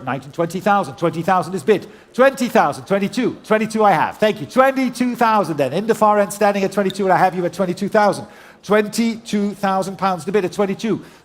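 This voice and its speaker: Male auctioneer, notably high voice, courteous and formal, running a live sale in repetitive rhythmic patter. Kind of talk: live auction calling, rhythmic repeated bids.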